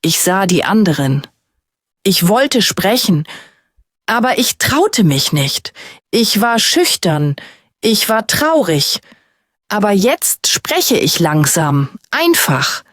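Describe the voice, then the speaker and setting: Slow, lively-pitched woman narrating a beginners' story. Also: no echo, studio quality. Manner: slow, clear, simple first-person sentences. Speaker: language teacher narrating a story.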